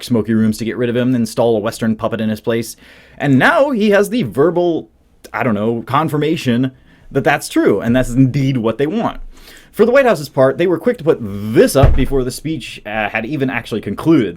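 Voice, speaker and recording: A man hosts a political commentary show and reads a scripted monologue. His delivery is sardonic and mocking, with a lively, swinging pitch that leaps between notes. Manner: sarcastic, mocking asides.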